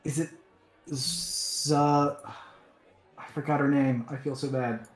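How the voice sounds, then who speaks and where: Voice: mid-range voice, steady tone, slow pace. A player in a casual tabletop game, talking hesitantly with many fillers. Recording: roomy sound, faint music.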